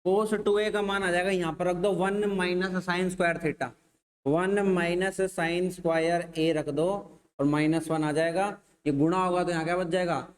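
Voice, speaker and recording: A man's voice: high-pitched, level tone, unhurried. A male maths teacher with a Rajasthani Hindi accent gives a classroom lecture, asking the class questions and then answering them himself.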